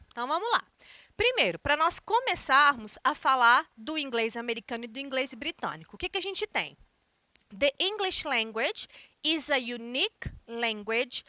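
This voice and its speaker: A woman's voice: sits high, bright, forceful tone, dry recording. A woman with a Brazilian Portuguese accent, an English teacher explaining a lesson to her students and often checking in with them. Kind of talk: recorded online class lecture.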